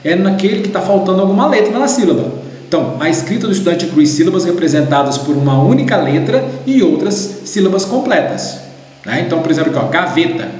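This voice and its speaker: A man's voice: high-pitched, very animated, fast talker, a little mellow. A man with a Brazilian Portuguese accent, a teacher walking through a grading guide in an explanatory way, often checking in with his listeners. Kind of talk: recorded lesson walkthrough. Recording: echoey room with long reverb.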